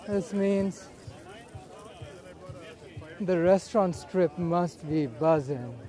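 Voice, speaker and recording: A man giving casual, unhurried walking commentary as a live vlogger, speaking in short observational phrases outdoors. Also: high-pitched, lively intonation, dark tone. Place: outdoors at a busy beach and streets. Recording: outdoor crowd and street bustle. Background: crowd.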